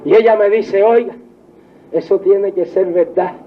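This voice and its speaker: A man's voice: high voice, a little hiss or hum. An older man preaching a fervent old-time revival sermon, stretching his phrases and crying out hallelujahs. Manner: fervent, shouts hallelujahs, drawn-out emphatic phrasing. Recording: dull lo-fi archive tape with faint congregation.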